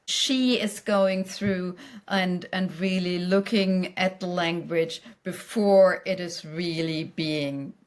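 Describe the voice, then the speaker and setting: In a podcast interview, a company executive whose native language isn't English responds conversationally. She speaks slowly, with a lowish voice and a steady tone.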